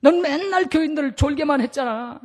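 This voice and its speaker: A bluntly scolding Jesus from a pulpit joke, as a high-voiced male preacher puts him on. The delivery is plain, casual and teasing, in a very high register for a man. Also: fairly quick.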